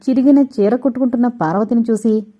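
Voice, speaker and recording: A woman narrates an audio novel with a steady, measured reading. Her voice sounds mellow and dark-toned throughout. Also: fairly high pitch.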